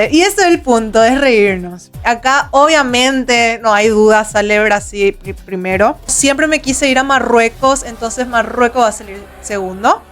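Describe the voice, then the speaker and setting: High-voiced cute Paraguayan anime-streamer woman. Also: fairly bright tone. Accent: Paraguayan Spanish. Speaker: VTuber streamer. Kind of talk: casual streamer commentary.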